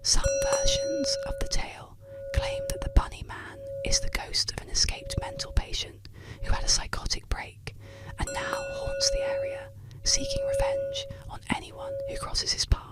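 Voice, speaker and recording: Woman in a soft, unvoiced ASMR whisper. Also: extremely high pitch, completely flat delivery, low-quality recording. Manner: slow, soothing, hushed ear-cleaning ASMR delivery. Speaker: ASMR storyteller. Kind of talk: whispered ASMR bedtime narration of eerie legends.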